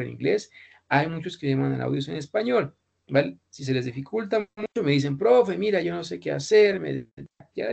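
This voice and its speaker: Man, English teacher, gravelly, husky, repeats himself, checks understanding. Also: on the high side, a little mellow. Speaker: English instructor. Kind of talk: online class explanation.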